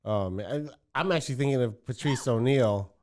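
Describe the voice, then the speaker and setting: A man's voice: mid-range voice, darkish tone. A man co-hosting a casual comedy chat, laid-back and agreeable. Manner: laid-back, agreeable, quick to laugh along. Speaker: podcast co-host.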